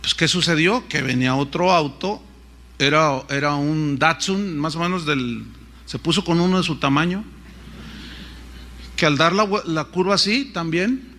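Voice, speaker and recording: Mexican male preacher, high voice, animated sermon storyteller who acts out every voice. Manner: animated, acts out quoted voices, frequent restarts.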